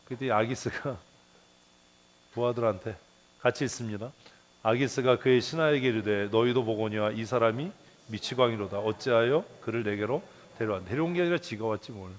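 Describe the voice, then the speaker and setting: Blunt, salty-tongued preacher man. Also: moderate pace. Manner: blunt and colloquial, mutters curses, chuckles; rhetorical questions, sudden rises in pitch. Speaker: pastor. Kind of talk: sermon, Bible devotional. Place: church.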